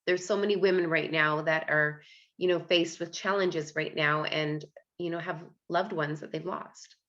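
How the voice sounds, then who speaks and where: A woman's voice: sits low, steady tone, moderate pace, fairly bright tone, lo-fi sound. A woman hosting an interview podcast, chatty and encouraging, with many fillers. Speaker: podcast host.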